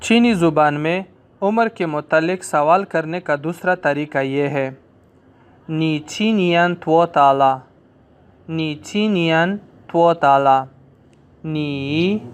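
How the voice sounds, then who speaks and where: A man with an Urdu accent teaching a language lesson, explaining slowly and repeating phrases for students to drill. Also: on the high side, clear, resonant tone.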